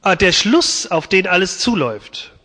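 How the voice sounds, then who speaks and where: A man giving a sermon, retelling and reading a Bible passage in a chatty, lively way. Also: high-pitched, moderate pace, in a large hall. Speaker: preacher. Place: church.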